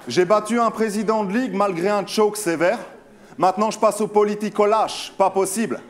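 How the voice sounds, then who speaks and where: A man's voice: sits high, fairly even intonation, moderate pace. A young man rapping mocking battle verses a cappella at an opponent. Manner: mocking, sneering delivery. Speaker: battle rapper.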